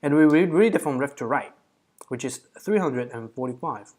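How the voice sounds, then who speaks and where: A man's voice: mid-range voice, lively intonation, normal speed, a little mellow. A man hosting a coding challenge, casually thinking aloud as he walks through a problem, counting out digits and correcting himself.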